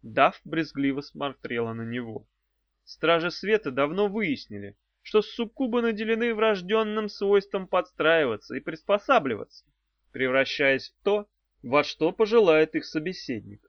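A man narrating an audiobook in a lively, animated storytelling manner. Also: a little high, moderate pace, no room sound. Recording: dull, dry lo-fi audiobook recording.

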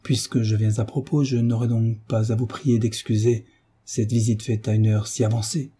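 A man reading the part of an earnest country doctor in a grave, measured way, with a husky voice. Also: lowish voice, level tone, mellow.

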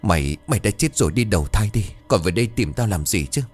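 A man voicing a terrified and furious male district official in a ghost story, stammering and shouting curses. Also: lowish voice, animated, quick pace, husky, faint music behind.

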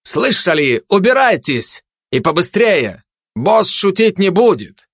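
A man voicing a cocky, bossy male stray dog who shouts his lines in a high, strained voice. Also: very animated, takes it slowly, breathy edge, no echo, clean studio sound, exaggerated voice. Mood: brash.

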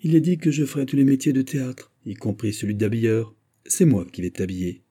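A man's voice: mid-range voice, moderate pace, dark tone, pitched above the performer's own voice, natural voice. A man doing a smug lecherous prince. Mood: smug, coaxing. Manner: smug, coaxing, teasing. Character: lecherous noble prince, mocking and pushy.

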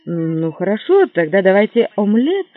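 A flustered young gentleman, voiced by a man, pleads and stammers in a high voice that swings widely. The sound is dry and tinny, like a narrow radio band. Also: big pitch swings, normal speed, no room sound. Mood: hopeful.

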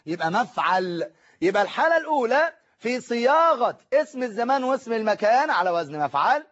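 A man teaching an exam-prep grammar lesson with an Egyptian accent, asking and answering his own questions and slowing down to spell out word patterns. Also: very high-pitched, fairly bright tone, lo-fi sound. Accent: Egyptian Arabic. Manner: asks and answers his own questions, drills the class to repeat forms. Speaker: Arabic teacher.

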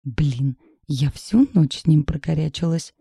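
A woman's voice: low-pitched, expressive, measured pace, gravelly, warm tone, husky, no echo, clean studio sound, exaggerated voice. A woman reading the part of a frightened, whiny young woman in an audiobook. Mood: anxious. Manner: whiny, anxious.

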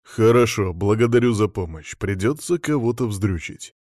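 A man reading an audiobook voices a gruff, displeased field marshal who barks brusque orders. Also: lowish voice, moderate pace, darkish tone, dry recording, studio quality, lightly acted. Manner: brusque, bossy, irritated.

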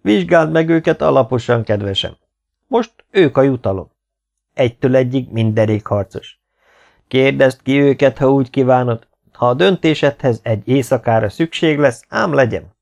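A man's voice: medium pitch, lively intonation, vocal fry, a little mellow, voice pushed up. A man voicing a commanding medieval king in an audiobook, proclaiming to his court in a raised voice. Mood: magnanimous. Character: commanding medieval king, stern but pleased.

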